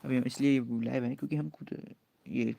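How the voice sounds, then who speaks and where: A man teaching an exam-prep lesson, drawling poem lines slowly, spelling words letter by letter and asking students to repeat. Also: mid-range voice, fairly even intonation, vocal fry, warm tone.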